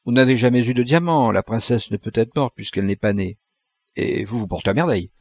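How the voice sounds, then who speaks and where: A man reading an audiobook, voicing a calm good genie and valet who explains things patiently and deferentially. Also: mid-range voice, a little fast, no echo, muffled recording, lightly acted. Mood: reasoning.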